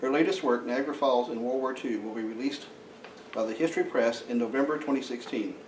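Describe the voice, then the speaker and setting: The president of a local society makes announcements and introduces a speaker in a meeting room, halting often with uh fillers and restarts. His voice is mid-range, picked up from far off in an echoey room with slight background noise.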